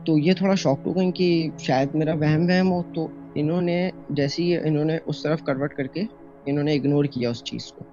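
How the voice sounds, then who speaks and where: A young man from Pakistan shares a horror story of his own, casual and rambling with plenty of fillers and restarts. He has a fairly high pitch and a dark tone, recorded as a phone voice note that sounds dull and lo-fi with faint music.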